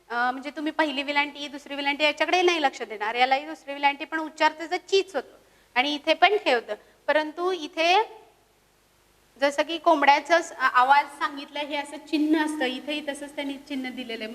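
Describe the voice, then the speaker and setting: A woman's voice: sits high, a bit bright, in a large hall. A woman teaching a lesson to young children, asking questions in a sing-song way and answering them herself. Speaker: primary school teacher.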